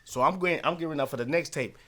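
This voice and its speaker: A man's voice: a little high, fast, bright, forceful tone. Laid-back man in his forties. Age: 40s. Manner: laid-back, hesitant with fillers. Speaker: rapper guest. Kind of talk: casual radio chat. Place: radio studio.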